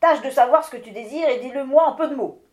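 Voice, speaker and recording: A woman voicing a grumpy, gruff male wind spirit who shouts curtly at visitors in a storybook reading. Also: medium pitch, expressive, fast, natural voice. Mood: gruff, bellowing. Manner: bellowing, curt and impatient.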